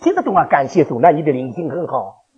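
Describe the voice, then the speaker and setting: An older man preaching a sermon to his congregation as their pastor, animated and chuckling as he fires questions at the listeners. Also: fairly high pitch, fast talker, muffled recording. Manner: animated, quizzes the congregation with questions, laughs often. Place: church.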